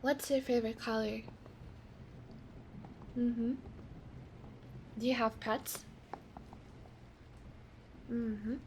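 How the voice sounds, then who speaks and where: A woman in a whispered role-play as a reassuring doctor, talking softly and slowly and often dropping into a whisper. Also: a little high, little pitch movement, slight background noise, rough recording. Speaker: ASMR creator.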